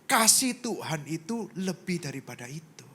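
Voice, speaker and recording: A man's voice: normal speed, slight background noise. A male pastor preaching in a casual, conversational way, acting out dialogue with big swings in his voice. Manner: animated, acts out dialogue with sharp pitch swings; colloquial, conversational. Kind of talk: sermon storytelling.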